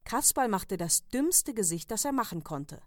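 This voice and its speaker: Woman narrator, calm even reading, mid pitch, dry close sound. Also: moderate pace, no room sound. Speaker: reader. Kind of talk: audiobook reading.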